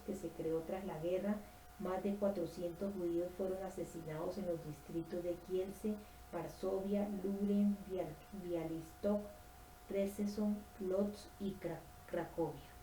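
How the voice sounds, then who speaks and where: Casting: woman reader, low warm voice, steady nonfiction delivery with small slips, echoey room. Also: slight background noise. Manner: steady, with some stumbles and self-corrections. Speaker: audiobook reader. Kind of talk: reading a nonfiction book aloud.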